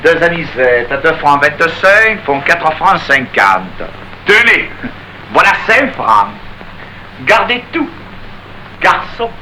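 Puffed-up old suitor, blustery, voice jumps all over, hissy old tape. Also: male voice, a little high, very animated, bright, forceful tone, exaggerated voice, poor audio. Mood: haughty. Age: older. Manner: blustering, theatrical, drawls insults slowly. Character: pompous older male sail-maker suitor. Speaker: actor. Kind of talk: 1930s stage-style radio acting. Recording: hissy old archive recording.

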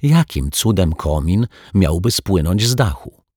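A man's voice: sits low, very animated, measured pace, a little mellow, breathy edge, no room sound, studio quality, full character voice. A man voicing a quarrelsome, bumbling detective who argues with himself, in a children's audiobook. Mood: bickering. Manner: argues with himself, puzzled, wry. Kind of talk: audiobook character voice.

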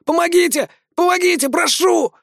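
A man's voice: lively intonation, slow, a little mellow, no echo, clean studio sound, full character voice. A man voicing a frightened boy called Rat, begging tearfully for help in an audiobook. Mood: pleading. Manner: pleading, tearful, high-pitched.

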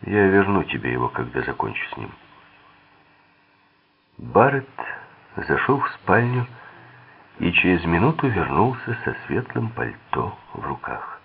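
A man's voice: deep voice, big pitch swings, a little slow, creaky, long pauses, husky. A man reading a thriller audiobook aloud, shifting his tone slightly for the characters' quoted lines. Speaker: audiobook narrator. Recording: tinny phone-like sound.

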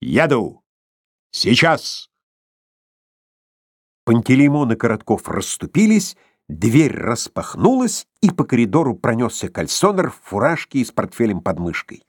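A man reading a story aloud as narrator, expressive and dramatic. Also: mid-range voice, moderate pace, slightly rough, no echo, clean studio sound. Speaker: audiobook reader. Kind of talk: scripted narration.

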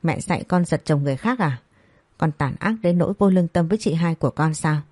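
A woman's voice: low-pitched, fast talker, a little mellow, no room sound, clean studio sound. A woman voicing an angry, scolding middle-aged mother in a storybook reading. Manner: harsh scolding.

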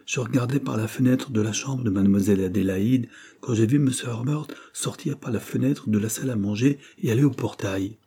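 A man's voice: medium pitch, a little fast, gravelly, few pauses, mellow, husky, voice pushed up. A man voicing a stubborn young maidservant who insists firmly on what she saw. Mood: insistent. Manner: firm, insistent. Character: stubborn young maid, sure of herself.

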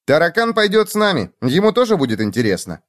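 A man doing a high, eager gopher. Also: fast. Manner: high, excited shouting. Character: eager young male gopher.

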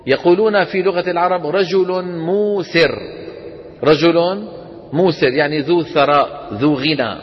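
A Quran recitation teacher with a Levantine Arabic accent and a voice on the high side gives a classroom lesson, frequently pausing to quiz his students with questions. It's captured in a lecture room with students, on a dull lo-fi recording with hall reverb.

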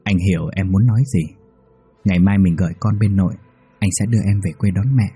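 A man voicing a caring young husband who speaks gently to his wife. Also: low-pitched, steady tone, brisk, slightly rough, faint music behind. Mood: soothing. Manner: urgent then soothing.

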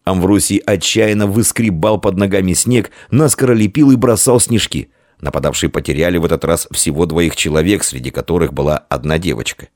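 A man narrating a children's story with expressive reading. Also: low-pitched, fairly quick, no echo, studio quality. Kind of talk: audiobook narration.

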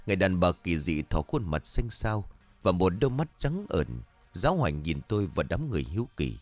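A man telling a first-person horror story as scripted narration, lifting his voice for shouted quotes. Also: low voice, very animated, a little fast, soft background music.

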